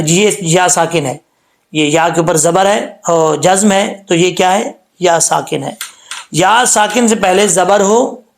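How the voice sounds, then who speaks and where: A man's voice: sits high, gravelly. A man teaching Quran recitation with tajweed, patiently repeating each rule step by step and drawing out the sounds when he demonstrates them, speaking with a lilt. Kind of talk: tajweed lesson.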